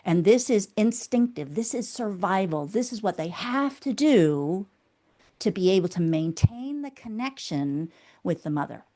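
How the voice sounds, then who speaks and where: A woman's voice: medium pitch, animated, unhurried, dark tone. A woman guest in an interview, explaining her theory in a teacherly way and checking in often with the listener. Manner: teacherly, checks in with a frequent "okay?". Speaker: guest, inner critic specialist.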